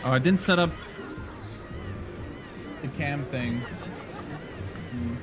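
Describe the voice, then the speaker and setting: A man's voice: medium pitch, takes it slowly, a loud crowd. Brief: casual male game streamer, rambling and jokey, music playing behind. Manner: rambling, laughing, swears offhand. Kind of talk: casual live-stream chat.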